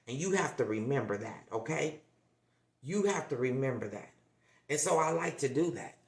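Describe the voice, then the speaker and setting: A woman with a deep bass voice, expressive and darkish in tone, hosts a motivational livestream at a moderate pace. She speaks emphatically, repeats herself for effect and coaxes the audience with tag questions to keep checking in, and the recording has a roomy echo.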